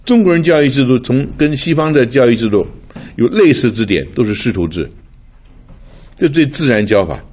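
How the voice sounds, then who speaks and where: A man's voice: medium pitch, expressive, brisk, darkish tone. An older man from Taiwan preaching in a chatty, storytelling way, laughing often and mixing in English words. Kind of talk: sermon with personal stories.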